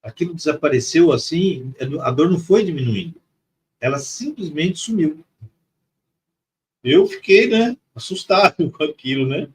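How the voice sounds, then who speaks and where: A man's voice: a little high, expressive, measured pace. A middle-aged man from Mato Grosso telling a personal spiritual story with feeling, repeating words for emphasis. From Mato Grosso, Brazil. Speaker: guest on a spirituality live stream.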